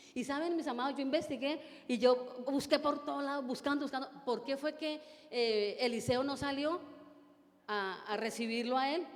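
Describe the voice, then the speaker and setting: A woman's voice: on the high side, in a large hall. A woman preacher, delivering an emphatic sermon full of repetition and rhetorical questions. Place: church.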